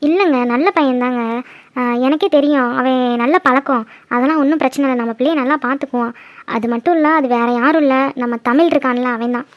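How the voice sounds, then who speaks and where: Woman voicing a fast-talking gentle village mother. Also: high-pitched, no echo, natural voice. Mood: pleading. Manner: gentle, pleading, deferential to husband. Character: middle-aged village wife and mother. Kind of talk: cartoon drama voice acting.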